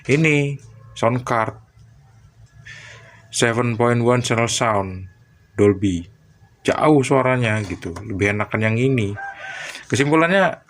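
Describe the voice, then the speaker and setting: A man with a fairly low voice talks viewers through audio gear in a loose, chatty way. He often stops to recall prices and details. Faint background noise hangs under the recording. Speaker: electronics tech vlogger. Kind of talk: casual tech explainer.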